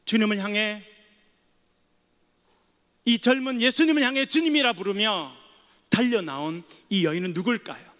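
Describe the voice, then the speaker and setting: High, bright-voiced man preaching in a chapel. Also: normal speed, long pauses. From Geoje island, South Korea. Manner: playful, jokes with the audience. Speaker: pastor. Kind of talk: sermon with humorous storytelling. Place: seminary chapel. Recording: long chapel reverb.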